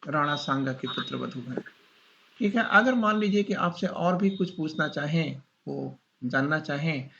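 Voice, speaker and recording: A male teacher giving a classroom lecture, dictating slowly and repeating points as he asks his students questions. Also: fairly high pitch, creaky, pushed and bright, dull audio, slight background noise.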